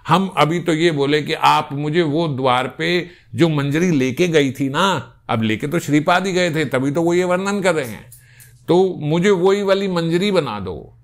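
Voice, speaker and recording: A man giving a devotional scripture discourse, explaining a story and reciting verses slowly. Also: fairly high pitch, gravelly. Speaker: spiritual discourse speaker.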